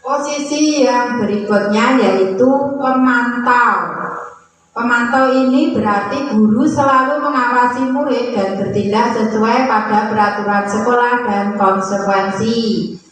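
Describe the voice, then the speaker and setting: A woman's voice: a little high, unhurried. A woman teacher explaining classroom roles to colleagues, sometimes acting out what a teacher would say to a pupil. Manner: explanatory, acts out scolding and friendly teacher lines. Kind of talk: presenting to fellow teachers. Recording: echoey room from far off, faint noise.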